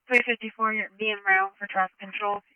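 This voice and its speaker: A woman's voice: medium pitch, little pitch movement, brisk, a little hiss or hum. A woman dispatcher relaying calls in clipped phrases over a lo-fi police radio.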